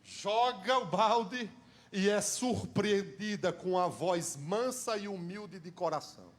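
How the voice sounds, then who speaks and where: A man with a Brazilian Portuguese accent preaching a sermon in church, telling the story dramatically and swinging from shouts to hushed tones. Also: high voice.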